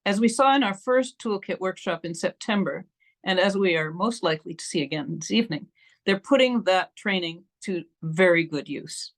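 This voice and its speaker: A woman's voice: lowish voice, animated, normal speed. A woman moderating an online meeting, giving prepared housekeeping notes and speaker introductions.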